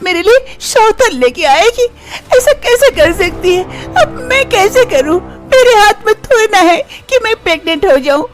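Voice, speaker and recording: A woman's voice: extremely high pitch, sing-song, moderate pace, over music. A woman voicing an anxious young wife in a cartoon story, who pleads and worries. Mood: worried. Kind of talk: storybook voice acting.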